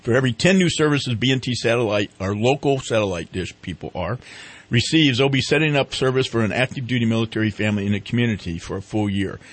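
Male talk radio host, mid-pitched and husky, casual live delivery. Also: fast talker. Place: radio studio.

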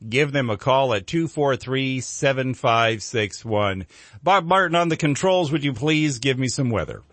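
A man's voice: medium pitch, expressive, measured pace, a bit bright, no echo. Folksy American man hosting dry-miked morning radio. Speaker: local radio show host. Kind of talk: unscripted morning radio chat.

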